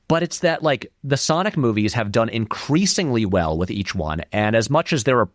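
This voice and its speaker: A man who is a film critic and video essayist speaks as an interview guest, his middle-register pitch swinging widely and lively. His conversational interview commentary is informal and discursive, leaning on words for emphasis at a moderate pace. The sound is dry, with very little room and no echo.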